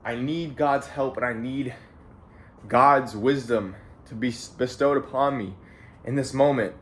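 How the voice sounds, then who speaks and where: In an unhurried, medium-pitched voice, a young adult from Canada in his late teens vlogs from home. He talks to camera casually and with profanity, delivering a rambling motivational monologue that often repeats phrases and leans on "bro."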